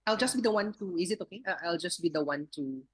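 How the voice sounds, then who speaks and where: A woman with a Filipino accent opening an online presentation on a video call, polite and hesitant, pausing often. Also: on the low side, lively intonation. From Philippines. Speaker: university international affairs director, guest speaker.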